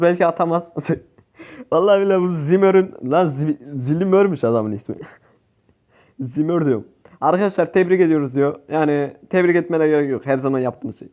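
A young man giving casual gameplay commentary, excitable and swearing at his teammates. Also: a little high. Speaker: gaming youtuber.

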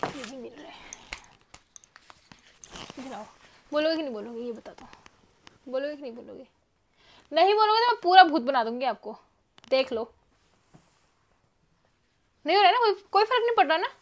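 A woman's voice: high voice, sing-song, normal speed, pauses often. A woman pleading with and scolding her husband in a casual home vlog, coaxing him to talk. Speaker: wife being pranked.

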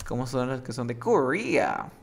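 Gravelly-voiced teacher. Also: male voice, medium pitch, huge pitch swings. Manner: coaxing, drills words slowly and exaggerates English sounds. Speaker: English teacher. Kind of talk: casual English lesson with a student.

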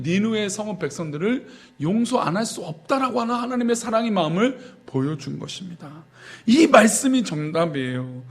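High-voiced male pastor preaching animatedly. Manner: animated preaching, acting out indignant quotes and reading scripture aloud. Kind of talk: sermon.

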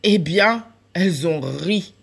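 Woman, library storyteller, expressive children's-book reading, slow and full of pitch play. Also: vocal fry, breathy edge. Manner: animated, acts out laughs and cries.

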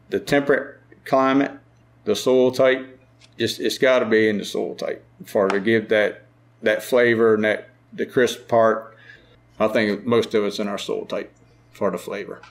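A middle-aged man with a strong Maryland Eastern Shore accent, a farmer talking casually in an interview with a drawn-out, unhurried way of speaking. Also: lowish voice. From lower Eastern Shore of Maryland. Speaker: farmer and market owner.

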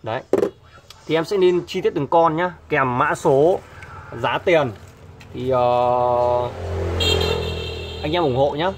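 Chatty shop owner, noisy background. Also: male voice, a little high, takes it slowly, long pauses. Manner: chatty, repeats himself, many hesitations. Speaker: fishing tackle shop owner. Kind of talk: casual product showcase.

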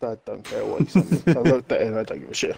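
A man in casual gaming banter with his friends, sweary, giggly and quick to mock-indignation. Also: fairly low pitch, big pitch swings, gravelly, mellow. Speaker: gamer playing with friends.

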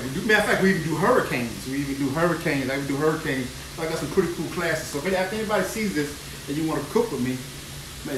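On a live cooking stream, a New Orleans chef with a voice on the high side keeps up exuberant chat in his home kitchen, repeating himself as he cooks. The audio comes from a phone camera carried around the kitchen, distant and echoey, with loud frying and sizzling in the background.

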